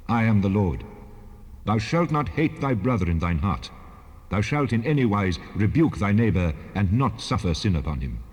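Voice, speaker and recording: An actor playing God as a solemn, commanding deity, handing down laws in a stately, declamatory dramatized scripture reading. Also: male voice, fairly low pitch, a little mellow, husky. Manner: solemn, stately, authoritative pronouncements. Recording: 1970s cassette rip, long reverb.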